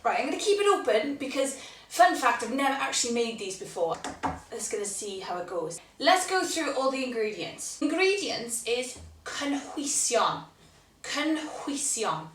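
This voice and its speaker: A woman's voice: fairly high pitch, very animated, moderate pace, a bit bright, slight background noise. Chatty Welsh woman in echoey kitchen. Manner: chatty, playful, teacherly. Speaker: host teaching Welsh. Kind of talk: casual cooking video. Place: home kitchen. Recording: roomy kitchen, mic at a distance.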